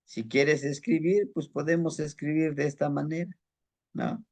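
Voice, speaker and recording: Man, Guerrero Mexican Spanish accent, slow unhurried lesson, halting repeated words, rhetorical questions. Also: fairly high pitch, creaky, darkish tone. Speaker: Nahuatl language teacher. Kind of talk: casual spoken lesson.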